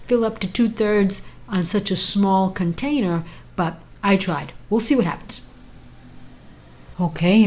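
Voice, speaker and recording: A woman's voice: mid-range voice, darkish tone, slight background noise. A middle-aged woman, a mother, chatting casually through a cooking vlog in her home kitchen and correcting herself as she goes. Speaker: vlogger, mother.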